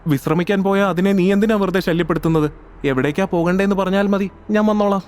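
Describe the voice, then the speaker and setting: Brief: male actor as timid young man in an audio drama, sulky and pleading, raised pitch. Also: a little fast, a little mellow, lightly acted. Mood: resentful. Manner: pleading and complaining, voice pushed high. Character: young man, anxious, easily frightened, sulky.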